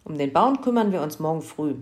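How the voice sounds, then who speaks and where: A woman voicing a firm, practical mother in a children's story. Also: deep voice. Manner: brisk, energetic.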